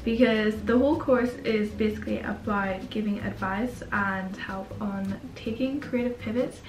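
A woman's voice: mid-range voice, steady tone, unhurried. A young woman vlogger chatting casually to camera at home. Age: young adult. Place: indoors in an apartment. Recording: roomy, distant mic, music behind.

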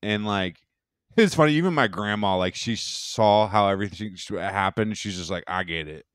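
A young podcast co-host rambles through casual chat, loose and profane, often restarting his sentences. His voice is fairly low and smooth at a normal speed, recorded in clean studio sound with no echo.

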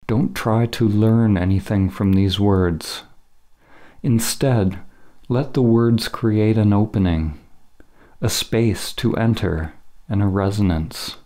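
A man with a lowish, warm voice narrates a scripted spiritual meditation as a teacher would, using measured, deliberate phrases separated by short pauses.

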